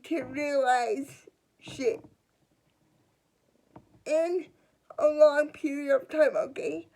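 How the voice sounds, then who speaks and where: Slow, gravelly-voiced young woman confiding. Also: high voice, mellow, rough recording. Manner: halting and earnest, with frequent restarts and trailing pauses. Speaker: vlogger. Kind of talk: personal confessional storytime vlog.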